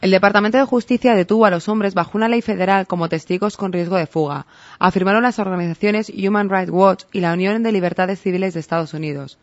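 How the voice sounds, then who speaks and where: A woman newsreader reading news reports in a brisk, even delivery. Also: medium pitch. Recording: dull lo-fi radio audio.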